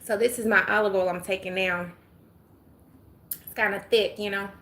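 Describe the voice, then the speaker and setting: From a sunny room in her home, an older woman from Atlanta, Georgia, hosts a casual phone livestream, talking folksily with viewers in a Southern accent. Her medium-pitched voice is steady and fairly bright at normal speed, though she sometimes drops to a murmur.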